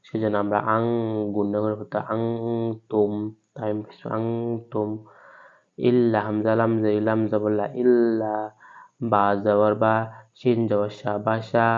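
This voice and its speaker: A man with a Bangladeshi accent teaching Quran reading, spelling out each letter and vowel slowly and then reciting the phrase. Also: fairly low pitch, clear, resonant tone. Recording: narrow-band phone-like audio.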